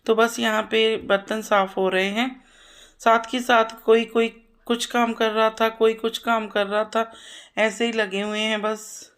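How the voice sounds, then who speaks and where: Chatty homemaker woman, flat monotone. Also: a little high, unhurried, smooth. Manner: homely, chatty, repeats herself with fillers. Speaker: vlogger and mother. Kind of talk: casual voice-over narration of household chores.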